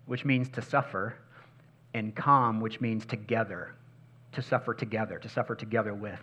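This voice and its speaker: A male pastor preaching a sermon, swinging between loud emphatic passages and hushed, intimate ones, and repeating key phrases for emphasis. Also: medium pitch, muffled recording.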